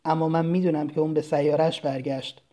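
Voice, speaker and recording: A storyteller reading a children's story aloud in a calm, even first-person telling. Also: mid-range voice. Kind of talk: storybook narration.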